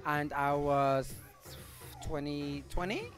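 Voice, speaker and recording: A man in his thirties answering a street interview, talking in animated, laughing bursts into a handheld mic outdoors at night. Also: a little high, takes it slowly, faint music behind. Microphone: handheld mic held out by interviewer.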